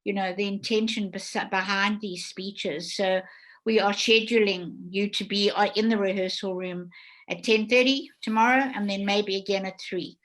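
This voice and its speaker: Over an online video call from indoors, a woman hosts a panel discussion in the casual, effusive way a theatre producer and director would. Her mid-range voice is fairly bright, with a steady tone and moderate pace. The recording is rough.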